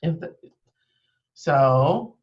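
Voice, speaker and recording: A woman's voice: low-pitched, expressive, drawn-out words, lo-fi sound. A woman leading a live video-call training from her home office, explaining things practically with frequent ums. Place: home office with green screen. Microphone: webcam microphone.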